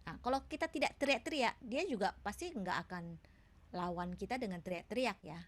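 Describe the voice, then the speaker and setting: A woman's voice: medium pitch, expressive, fairly quick. A woman giving a webinar talk, patiently answering questions with many hesitations and tag questions. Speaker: seminar speaker. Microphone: video call.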